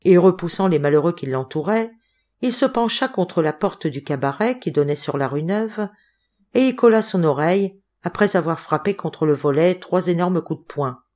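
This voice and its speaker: A woman reading a classic novel aloud as an audiobook, with an expressive delivery. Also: lowish voice, moderate pace. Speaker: audiobook reader.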